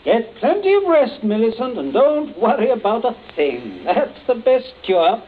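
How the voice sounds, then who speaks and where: A man's voice: mid-range voice, big pitch swings, a little slow. An actor playing a genteel, menacing middle-aged father in a radio drama, giving polite, clipped orders with false joviality. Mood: genial, unruffled. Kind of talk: old-time radio drama acting. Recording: tinny band-limited old radio, faint noise.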